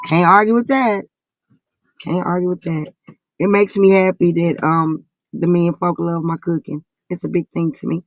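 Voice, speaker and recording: A woman's voice: lowish voice, steady tone, measured pace, long pauses, no room sound. Southern woman with a drawl, muffled call. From Southern United States. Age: 40s. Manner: slangy, profane, teasing. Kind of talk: casual group voice chat. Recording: muffled, band-limited voice call.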